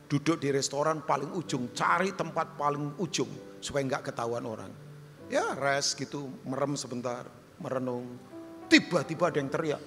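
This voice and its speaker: A male pastor preaching a sermon, animated and humorous, jumping high for questions and quoted voices and dropping low and soft for appeals. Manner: humorous storytelling with asides to the congregation. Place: large church hall. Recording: long hall reverb.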